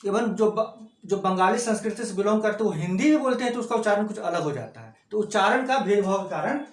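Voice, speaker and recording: A man's voice: high-pitched, expressive, brisk. A man teaching a class, repeating key words and asking rhetorical questions. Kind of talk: classroom lecture. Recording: echoey room.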